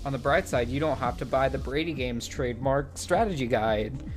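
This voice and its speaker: Dry wry guy on a game podcast, mid pitch, faint music behind. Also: normal speed. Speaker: podcast co-host. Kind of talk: casual gaming podcast chat.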